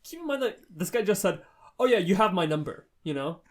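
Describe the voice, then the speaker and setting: A man's voice: sits high, a little fast. A man co-hosting a podcast, retelling a story in casual chat with lots of swearing. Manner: heavy swearing, animated retelling. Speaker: podcast co-host.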